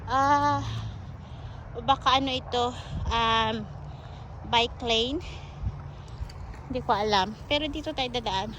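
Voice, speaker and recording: High-voiced woman chatting on a park walk. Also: takes it slowly, long pauses, a bit bright, slight background noise. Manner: chatty, coaxing, sing-song baby talk to a squirrel. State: out of breath on an uphill stretch. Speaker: vlogger. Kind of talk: casual walking vlog, talking to viewers. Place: outdoors on a city park trail. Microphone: handheld phone camera.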